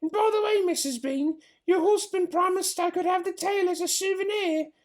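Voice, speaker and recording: A reader voicing a big, simple-minded woman servant, speaking slowly and plodding along in a read-aloud storybook. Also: extremely high pitch, a little mellow, pitched above the performer's own voice. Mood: dutiful.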